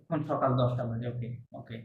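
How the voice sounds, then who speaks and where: A man's voice: medium pitch, fairly even intonation, brisk, phone-quality sound. A man from Bangladesh teaching a French class, patiently repeating words and quizzing his students. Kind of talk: classroom lesson. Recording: echoey room with faint noise.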